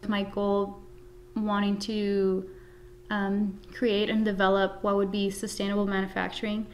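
Woman, 30s, from Guatemala, flat delivery, earnest; office interview with a faint hum. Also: medium pitch, measured pace. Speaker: supervisor. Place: office with flag and plant.

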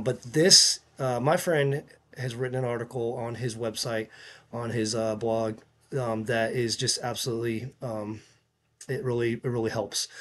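Earnest guy doing a casual video commentary, lots of ums and restarts, middle pitch. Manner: halting, many fillers and restarts; earnest, recommending. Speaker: YouTube channel host.

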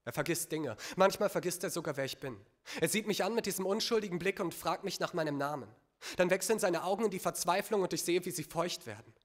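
A man on stage performing a spoken-word slam poem, dramatic, swinging between hushed lines and loud bursts. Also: high voice, quick pace.

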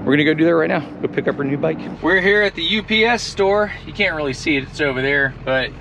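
A man casually narrating his road trip to viewers in a relaxed, chatty way, talking into a handheld camera. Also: a little high, fast, vocal fry. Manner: laid-back, chatty, talks to viewers as "guys". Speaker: travel vlogger. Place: outdoors and in vehicles on a road trip. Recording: outdoor recording with traffic noise.

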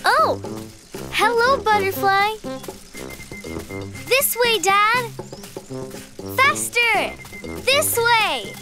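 A woman voicing Tippi, a four-year-old girl T-rex in a preschool cartoon, with a high childlike voice. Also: animated, extremely slow, pauses often, over loud music, full character voice. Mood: excited.

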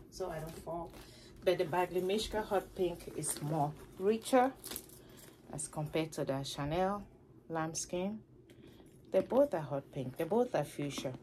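A woman with a fairly low voice chats to her camera at home, animated and playful, showing off her things. A faint hum of room ambience sits behind her. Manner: chatty and animated, with playful asides. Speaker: vlogger showing her handbags. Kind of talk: casual chat to camera.

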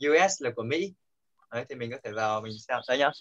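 A man's voice: medium pitch, animated, quick pace, a bit bright. A man teaching an online pronunciation class, patient and corrective, often repeating his points. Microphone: video call. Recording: dull lo-fi call audio.

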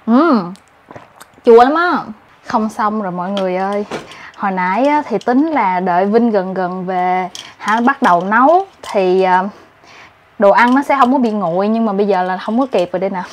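Speaking at a normal pace in an animated, mid-range voice, a woman in her twenties talks casually to her vlog audience. She has a southern Vietnamese accent and films in a small apartment's kitchen and living room, where household sounds are clearly audible.

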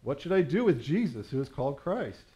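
Guy reading as a rattled roman governor, voice pushed up higher, pleading questions at a crowd in a church reading. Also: sing-song, a little fast, mellow, lo-fi sound.

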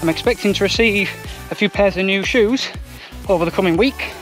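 A man's voice: high-pitched, fairly quick, fairly bright tone. Young guy chatting to his camera while out running, outdoors, music behind. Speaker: running vlogger. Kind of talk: casual vlog talk to camera. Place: outdoors on open moorland trails. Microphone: action camera held at arm's length.

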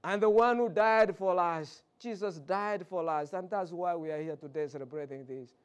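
A man's voice: high-pitched, moderate pace, clear, resonant tone. A male pastor preaching a sermon in a folksy, chatty way, full of asides and repeated words. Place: church pulpit.

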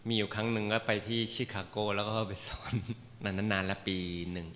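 Man, meditation teacher, casual joking lecture, slightly low voice, long hall reverb. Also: flat delivery, fairly quick, fairly bright tone. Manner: casual, joking, chatty with many fillers. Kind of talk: informal lecture to a class. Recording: roomy hall reverb, faint background noise.

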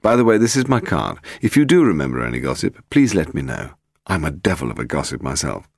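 A man reading an audiobook voicing a charming, breezy gentleman detective. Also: extremely low pitch, big pitch swings, gravelly, husky, no echo, studio quality, full character voice. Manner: charming, light, quick.

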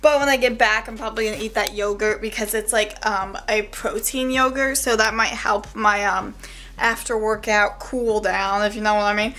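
A young woman films a casual day-in-the-life vlog on a phone or camera set up nearby, starting in her dorm room and moving to a small campus gym. She rambles and giggles, with lots of fillers like "like" and "yeah," in a mid-range voice that's steady, pushed and bright, at a normal speed.

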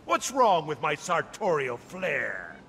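A gleeful, sadistic clown villain, high for a man and extremely animated. He drawls his teasing, theatrical taunts slowly in a video game, over loud noise. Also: full character voice. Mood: sly menace. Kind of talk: video game character dialogue.

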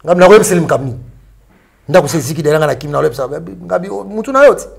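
A man in casual, animated chat, mixing French and Lingala. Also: a little high, fairly quick, vocal fry.

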